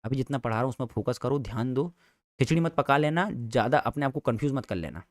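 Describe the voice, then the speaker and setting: A man's voice: mid-range voice, fast talker, a little mellow, no echo, clean studio sound. A man teaching a live trading class in a chatty, teasing way, repeating each point. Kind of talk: casual live class lecture.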